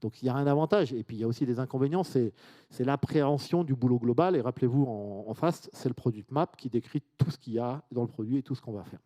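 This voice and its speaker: A man's voice: mid-range voice, fast talker, dark tone. Chatty man giving a conference talk. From France. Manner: chatty and informal, with asides and audience questions. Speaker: conference speaker. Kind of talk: conference presentation to a live audience.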